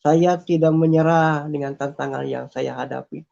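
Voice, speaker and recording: A man with a gravelly, dark voice shares a personal faith testimony, earnest and repetitive, often stopping with small fillers. His pitch stays flat and level. The recording sounds dull and lo-fi. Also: normal speed. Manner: earnest, repeats phrases, hesitates with fillers. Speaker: testimony speaker.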